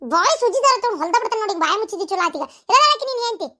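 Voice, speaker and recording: High chattering cartoon wife, a woman doing it, north karnataka kannada, scolds nonstop, super bright. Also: lively intonation, exaggerated voice. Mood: scolding. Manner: nagging, scolding rapid-fire. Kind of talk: cartoon comedy voice acting.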